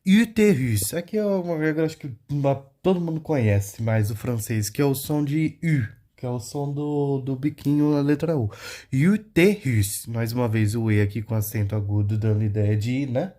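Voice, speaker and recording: A man's voice: mid-range voice, brisk, few pauses, warm tone. Casual man explaining pronunciation. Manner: explanatory, checks in often with "né?" and "tá?". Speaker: language teacher.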